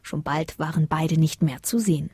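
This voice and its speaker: A woman reading a children's story aloud in a calm, even storytelling voice. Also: low-pitched, moderate pace, breathy edge, dry recording, studio quality.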